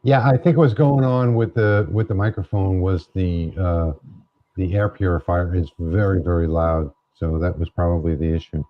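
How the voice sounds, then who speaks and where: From a laser workshop at home, this man runs a relaxed livestream, talking through his thoughts at a normal speed. His voice sits low with fairly even intonation, captured on a wireless clip-on mic that sounds a little muffled.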